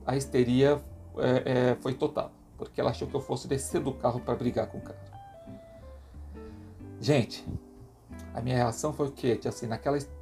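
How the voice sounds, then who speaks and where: A man's voice: mid-range voice, mellow. A Brazilian father in middle age recounts a personal story in a confessional style. He talks emphatically, keeps asking himself questions and adds sound effects. Faint guitar music plays under his voice. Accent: Brazilian Portuguese.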